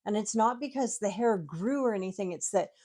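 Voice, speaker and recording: Brisk and animated, the woman speaks at a medium pitch with a darkish tone. An American guest who collects tiki mugs, she goes on at length about her collection in a casual chat, often laughing.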